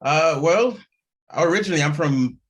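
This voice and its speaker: A Haitian guest actor tells a story in a casual interview, laughing at himself and acting out the voices of the people he quotes. His voice is fairly high and his speed normal, but the audio is poor.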